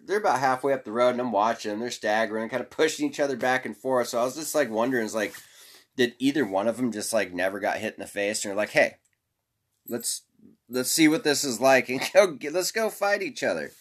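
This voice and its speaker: Rambling, profane podcast host. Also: male voice, mid-range voice, a bit bright. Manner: rambling, profane, laughs often. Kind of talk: casual storytelling monologue.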